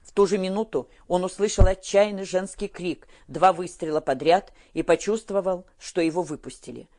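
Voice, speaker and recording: Woman audiobook narrator, low and deep, steady delivery. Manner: steady storytelling. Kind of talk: scripted narration.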